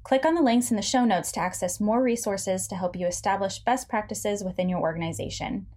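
A woman's voice: medium pitch, brisk. A woman reading a scripted episode introduction as a podcast announcer. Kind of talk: scripted narration. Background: soft music.

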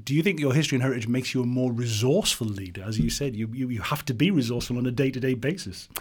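A man with a mid-pitched voice hosts an interview. He asks long, rambling questions and restarts his sentences often. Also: racing, darkish tone, husky.

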